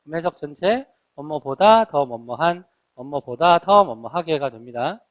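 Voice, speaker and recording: A man's voice: fairly high pitch, lively intonation, normal speed, highs cut off. A middle-aged man teaching a recorded test-prep English grammar lecture, explaining step by step and often asking the students questions.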